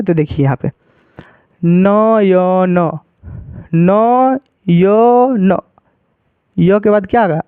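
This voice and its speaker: Slow, high-voiced man teaching grammar. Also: clean tone, no room sound. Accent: Hindi. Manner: explains slowly, repeating each example with questions. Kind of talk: grammar lesson. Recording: tinny phone-like sound.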